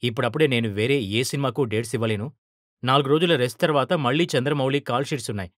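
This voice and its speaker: A man's voice: mid-range voice, fast, no room sound, studio quality, natural voice. A man voicing a tired, irritated middle-aged male film star who complains about his busy life. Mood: weary.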